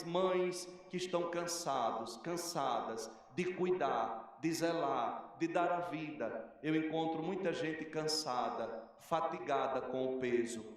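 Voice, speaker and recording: A man with a Brazilian Portuguese accent, a parish priest giving a homily in an earnest, measured preaching manner with rhetorical questions, recorded in a cathedral. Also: a little high. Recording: echoey cathedral, mic at a distance.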